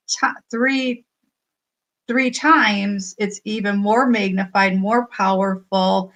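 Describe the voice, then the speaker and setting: An American woman speaking earnestly and reflectively, with emotion, in an informal spiritual message to her followers, often pausing and repeating phrases. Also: medium pitch, sharp tone, low-quality recording. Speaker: spiritual healer and coach.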